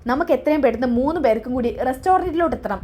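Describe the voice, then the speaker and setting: A woman's voice: high voice, animated, racing, a little mellow. A woman voicing a blustering protective older brother. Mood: angry, protective. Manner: blustering, threatening. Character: hot-tempered older man, protective big brother.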